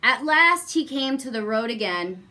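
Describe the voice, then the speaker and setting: A guest story reader, a woman, narrates a children's storybook expressively. Her voice is bright and a bit high, and she moves slowly, deliberately stressing phrases for young listeners.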